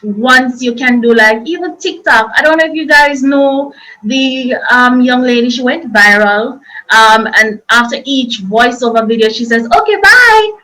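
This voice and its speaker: A woman's voice: fairly high pitch, fairly even intonation, unhurried, bright, forceful tone, poor audio. A woman presenting an informal online workshop, explaining things in a chatty, loose and repetitive way.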